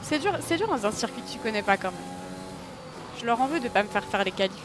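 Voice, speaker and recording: A woman's voice: a little high, quick pace, over music. A woman streaming a racing game, chatting to her audience, yelping at her mistakes and poking fun at herself. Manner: excitable, talks to her audience, yelps and self-mocks. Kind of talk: live gameplay commentary. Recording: racing game engine noise behind.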